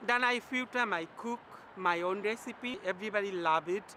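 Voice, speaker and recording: A woman's voice: medium pitch, moderate pace, bright, forceful tone, a little hiss or hum. A woman from Bangladesh, speaking simple broken English in a documentary interview, earnest and direct. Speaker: volunteer.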